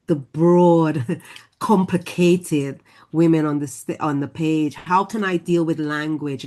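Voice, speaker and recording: A woman poet on a panel discussion, speaking thoughtfully and haltingly with many restarts. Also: deep voice, a little mellow.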